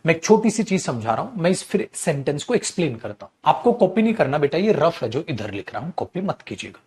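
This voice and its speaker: Lively, high-pitched Hindi-accented man teaching. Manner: explains slowly, calls students "beta", asks and answers his own questions. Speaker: English grammar teacher. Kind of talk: online class lecture.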